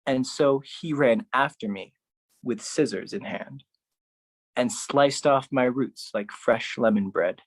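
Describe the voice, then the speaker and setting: Speaking at a medium pitch, a solo performer works through a poetic monologue, slow and theatrical, with repeated lines and pauses for drama.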